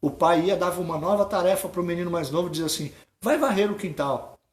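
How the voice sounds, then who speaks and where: A man's voice: high voice, fast, echoey room. A male pastor preaching a sermon, telling a parable and acting out the characters' lines before urging the congregation. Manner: retells a parable, acting out the boys' lines, then exhorts the congregation. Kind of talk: sermon with storytelling.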